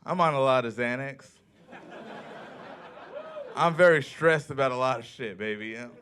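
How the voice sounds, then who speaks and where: A man doing a stand-up set in a comedy club, telling stories in a deadpan way and acting out the people he quotes. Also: mid-range voice, moderate pace, clear, resonant tone. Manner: deadpan storytelling with acted-out quotes.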